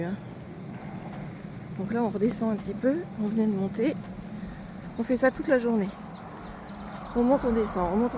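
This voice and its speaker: A woman chatting casually as she walks a mountain trail, narrating her pilgrimage for a vlog. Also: a little high. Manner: chatty, narrating while hiking uphill. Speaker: pilgrim vlogger. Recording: outdoor wind and ambient noise.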